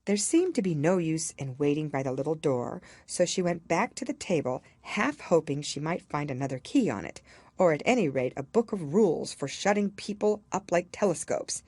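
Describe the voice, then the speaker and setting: A woman narrates a storybook in a low voice. Her delivery is expressive and measured, with very lively melody, and the sound is dry and close. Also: breathy edge, dry recording. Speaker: audiobook reader.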